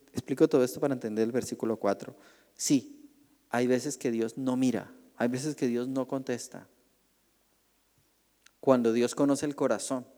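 Man, pastor, bible class teaching, gravelly, chatty, quizzes the class, long reverb. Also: mid-range voice, dark tone. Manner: conversational, asks the class questions, acts out quoted voices.

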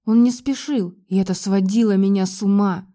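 Woman narrator, romance audiobook, emotional dramatic reading, warm mellow voice. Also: medium pitch, fairly even intonation, moderate pace.

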